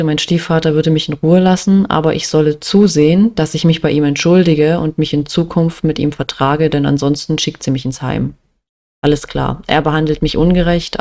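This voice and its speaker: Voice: mid-range voice, a little mellow. A young adult from Germany telling a personal story in a plain, matter-of-fact way, with many small fillers. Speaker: vlogger.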